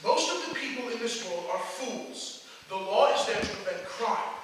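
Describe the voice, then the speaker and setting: A teenage boy acting a gruff, pompous old merchant in a school stage play, bossy and blustering. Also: high-pitched, lively intonation, moderate pace. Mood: stern. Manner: blustering, bossy, shouts in bursts. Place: large auditorium stage. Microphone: far camera in the audience. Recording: echoey hall from far off, noisy.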